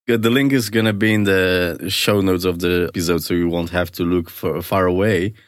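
A man's voice: low voice, fairly even intonation, moderate pace, dry recording, studio quality. An upbeat, enthusiastic man speaking as the host of an interview podcast.

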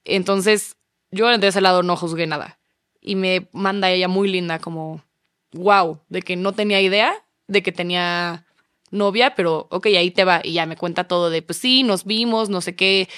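Mexican woman in her twenties, podcast guest, animated storyteller, smooth and resonant, close dry sound. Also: fairly low pitch, dry recording. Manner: animated, acts out quoted dialogue. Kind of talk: casual storytelling chat.

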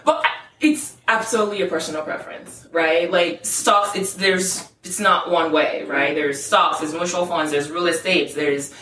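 Lower-voiced woman explaining, brisk. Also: fairly even intonation, bright, forceful tone, roomy sound, far from the mic, a little hiss or hum. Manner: explaining, brisk, often says "right?". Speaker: guest. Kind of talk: casual explanatory chat.

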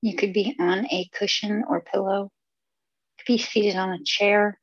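Soft, husky woman guiding meditation. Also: mid-range voice, fairly even intonation, no echo, dull audio. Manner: soothing, unhurried delivery with pauses. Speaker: meditation guide. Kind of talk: guided meditation.

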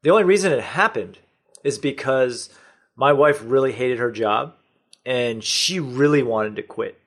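A middle-aged man from the United States talks as a podcast guest. His voice sits at an ordinary middle pitch, and he tells his story in a plain, matter-of-fact way. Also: unhurried, a bit bright. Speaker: podcast guest, online store owner. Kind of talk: conversational interview.

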